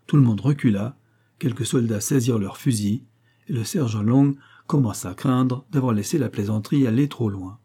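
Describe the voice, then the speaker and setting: A man reads a classic adventure novel aloud in a steady, unhurried manner. His voice is very dark and mellow, with a husky grain to it. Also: mid-range voice. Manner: steady, even-paced narration. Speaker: audiobook narrator.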